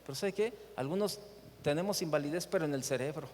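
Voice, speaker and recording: Mexican guy preaching at a church seminar, kinda high voice, big echoey hall. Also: fast talker, slight background noise. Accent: Mexican Spanish. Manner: animated storytelling with rhetorical questions. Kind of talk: preaching talk with anecdotes.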